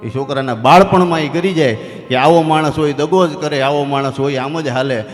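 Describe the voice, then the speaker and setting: Saurashtra-accented man telling stage comedy, hall reverb. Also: normal speed. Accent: Saurashtra Gujarati. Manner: animated, acts out other people's voices with sudden jumps in pitch. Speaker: comedian and storyteller. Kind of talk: live folk-stage comedy storytelling. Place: stage before a live audience. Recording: live hall with long reverb and faint music.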